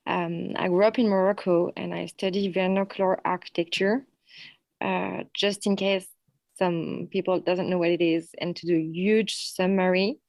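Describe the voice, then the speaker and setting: A French woman with a French accent giving a friendly conference presentation in English, often pausing on "um" and "uh". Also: on the low side, no room sound. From France. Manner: friendly, with frequent fillers. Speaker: conference speaker.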